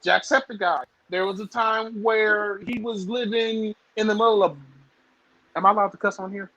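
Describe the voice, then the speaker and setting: A man's voice: high voice, steady tone, normal speed, bright, forceful tone, dull audio. A man in his thirties from the southern United States, chatting loosely as a podcast guest with lots of fillers. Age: 30s. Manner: rambling, lots of fillers, laughs often. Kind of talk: casual podcast chat.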